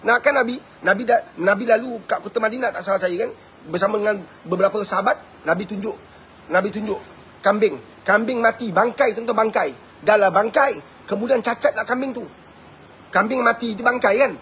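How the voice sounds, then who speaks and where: A man with a Malaysian Malay accent giving a live-streamed religious talk, animated and chuckling, always asking his listeners whether they agree. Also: sits high, fairly quick, slight background noise. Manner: animated, keeps asking the audience "right?"; chuckles often. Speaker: preacher.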